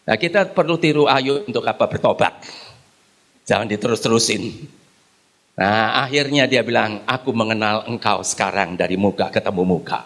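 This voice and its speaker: A man preaching in church, his voice pitched very high for a man, bright and ringing. He, swings widely up and down in pitch, and keeps turning to his listeners as brothers and sisters. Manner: animated preaching, often addresses the congregation as "brothers and sisters"; calls the congregation to applaud. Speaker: pastor. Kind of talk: sermon. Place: church service on site.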